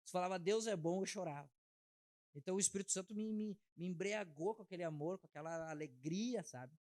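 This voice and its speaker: A man, sharing his personal testimony as an interview guest in a heartfelt, halting way. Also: high-pitched, darkish tone, no echo. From Brazil. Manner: heartfelt, halting, frequent filler tags.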